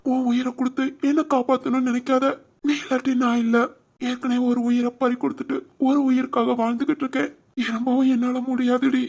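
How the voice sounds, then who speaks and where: A woman's voice: sits high, flat delivery, fairly quick, creaky, dark tone. A woman voicing a loving, anxious young husband and father in a cartoon family drama, talking in an emotional, protective way. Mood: tearful.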